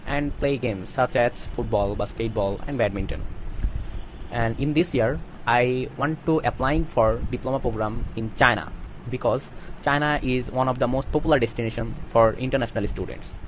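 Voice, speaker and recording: A man's voice: mid-range voice, a little hiss or hum, low-quality recording. A young man from Bangladesh with a Bangladeshi accent, reciting a careful self-introduction in simple English as a student applicant.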